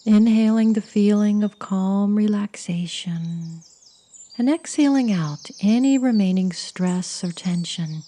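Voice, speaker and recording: A woman leading a guided meditation in a soft, soothing, breathy voice that often sinks close to a whisper. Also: medium pitch, takes it slowly. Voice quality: breathy, husky.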